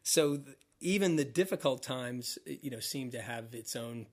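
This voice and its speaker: Middle aged guy on a podcast, laughs a lot, gets animated telling old stories. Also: medium pitch, a little slow. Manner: animated storyteller, laughs often, restarts words. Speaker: podcast guest, former team mascot performer. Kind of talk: casual interview chat.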